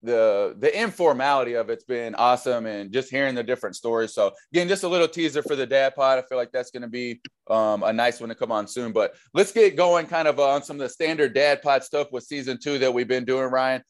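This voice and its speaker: Easygoing podcast host. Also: male voice, mid-range voice, brisk, few pauses, no room sound. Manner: friendly, loose, many fillers and restarts. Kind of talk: casual podcast interview.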